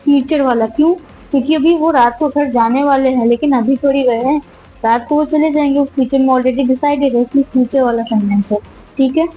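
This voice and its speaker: A woman explaining English grammar in a chatty classroom way, often correcting herself and slowing down to spell out examples. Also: sits high, mellow, faint music behind, low-quality recording.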